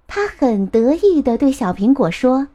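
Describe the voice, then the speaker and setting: A woman narrating a children's storybook in a gentle, expressive way. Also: sits high, unhurried.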